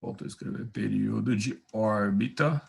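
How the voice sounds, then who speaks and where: Brazilian guy teaching physics online, gravelly voice, patient and chatty, lots of "tá?". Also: lowish voice, normal speed, a little mellow. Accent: Brazilian Portuguese. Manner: patient, reassuring, chatty with filler tags. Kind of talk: online class lecture.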